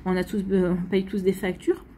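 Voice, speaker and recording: A woman's voice: fairly low pitch, flat delivery, normal speed, dark tone, slight background noise. A French woman giving a casual, rambling astrology reading to her viewers, full of restarts and reassurance. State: hiccups. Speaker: astrology and tarot reader.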